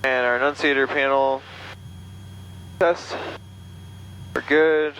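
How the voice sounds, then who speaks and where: A man's voice: mid-range voice, takes it slowly, a little hiss or hum, low-quality recording. A young man, a student pilot, chatting casually and calling out checklist items over a headset in a small plane cockpit. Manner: relaxed, joking, swears casually. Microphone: aviation headset intercom.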